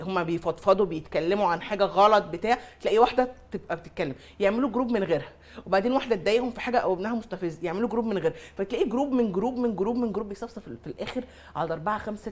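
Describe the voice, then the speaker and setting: A woman with an Egyptian Arabic accent, a mother and influencer on a talk show, chatting comically and mimicking other mothers. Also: mid-range voice. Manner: animated storyteller, mimics other mothers, laughs often. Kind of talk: comic casual chat.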